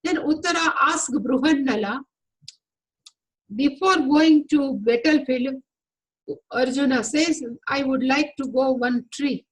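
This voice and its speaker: Slow, high-voiced woman teaching scripture. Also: poor audio. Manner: deliberate, explanatory, glosses Sanskrit terms. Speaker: spiritual teacher. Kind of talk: scripture lecture.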